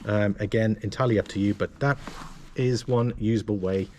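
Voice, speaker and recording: A man presenting a casual gear walkthrough to camera, explaining things in a halting, self-correcting way. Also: fairly low pitch, fairly even intonation, background noise. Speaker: motovlogger and presenter.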